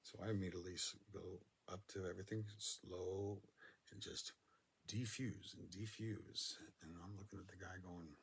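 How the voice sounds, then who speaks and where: A man's voice: sits low, flat delivery, a little fast, vocal fry, slight background noise. A man from Northern California telling intense personal stories in an earnest way, swearing freely. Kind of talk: personal storytelling.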